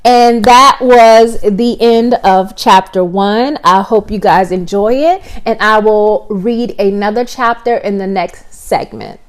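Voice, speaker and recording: A woman podcast host reading her own story aloud in a casual, expressive way. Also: medium pitch, takes it slowly, few pauses, clean tone.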